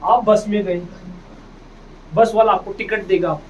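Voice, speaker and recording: A man whose voice sits high with a darkish tone and fairly even intonation teaches English phonics at a measured pace. He repeats each word, asks the class to say it back, and calls them "beta", in a distant, dull, noisy recording.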